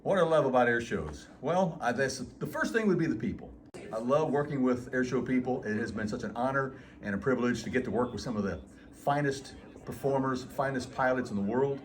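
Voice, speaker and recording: A man with the measured, earnest delivery of an airshow commentator, giving unscripted interview answers. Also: mid-range voice, expressive. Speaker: airshow announcer. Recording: off-mic, loud outdoor background noise.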